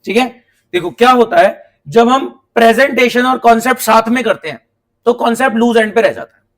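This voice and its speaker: A man teaching an accounts class, lively and talking straight to his students, acting out little dialogues. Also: very high voice, brisk. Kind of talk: classroom coaching lecture. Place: coaching classroom.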